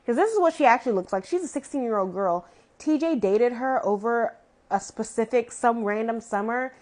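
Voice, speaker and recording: A woman's voice: fairly high pitch, normal speed, a little mellow. Chatty woman recapping a TV episode. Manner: chatty, many "like" fillers, exasperated asides. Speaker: TV show reviewer. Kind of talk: casual opinionated episode recap.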